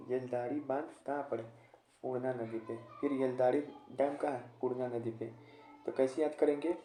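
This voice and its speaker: A man tutoring an exam-prep class, drilling memory tricks by repeating them and asking rhetorical questions. His voice is mellow and a little dark, and the echoey room carries a faint hum of ambient noise. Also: mid-range voice. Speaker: general knowledge tutor.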